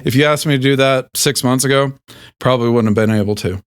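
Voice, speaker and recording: The host of this laid-back singing lesson is a man with a deep voice and a light Southern US accent. His speech is fast and smooth, yet relaxed and self-deprecating, peppered with fillers and restarts.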